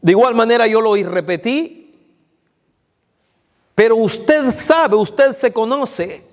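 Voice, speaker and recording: Male preacher, high voice, slow deliberate delivery, repeats phrases for emphasis, evening church sermon. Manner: addresses the congregation directly, repeats phrases for emphasis. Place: church hall. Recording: long reverb of a church hall.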